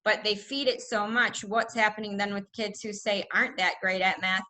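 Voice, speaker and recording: A woman's voice: mid-range voice, normal speed. A woman from the United States, in her thirties, talking casually and chattily with frequent laughs as a student in a video-call class. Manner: chatty, laughs often, animated asides.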